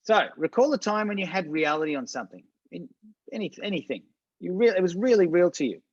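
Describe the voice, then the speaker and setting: A man's voice: high voice, expressive, fast, no room sound, muffled recording. A man coaching a business workshop in a casual, chatty way, often restarting sentences and checking in with his listeners. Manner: casual, chatty, repeats words, restarts sentences, addresses audience directly. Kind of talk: online workshop presentation.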